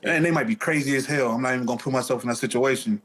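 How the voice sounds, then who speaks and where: A man's voice: medium pitch, very fast, a bit bright. A man speaking candidly as an interview guest, telling stories casually in streetwise slang with some swearing.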